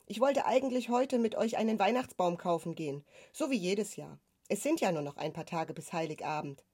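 Storybook dad: weary, resigned, breathy, read by a woman in her own range. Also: fairly low pitch, darkish tone. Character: resigned, gentle father.

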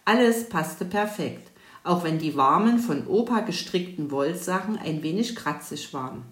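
Narrator: woman, lower voice, calm storybook reading, roomy echo. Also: moderate pace.

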